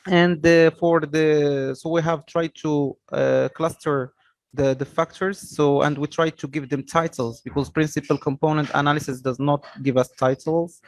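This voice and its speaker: Young man presenting, haltingly. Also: a little high, flat delivery, no echo. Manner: hesitant, halting delivery with repeated words. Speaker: student presenter. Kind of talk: academic presentation.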